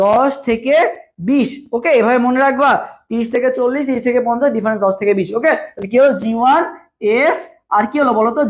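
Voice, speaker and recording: A young man, teaching a live online class for admission tests and drilling students with repeated questions. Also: very high-pitched. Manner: asks viewers to type along in the comments. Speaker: admission test tutor. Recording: dull lo-fi stream audio.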